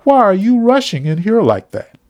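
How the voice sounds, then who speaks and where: A man voicing a startled woman who asks sharp, demanding questions in a read-aloud story. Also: sits high, wildly swooping pitch, normal speed, pitched above the performer's own voice. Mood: alarmed.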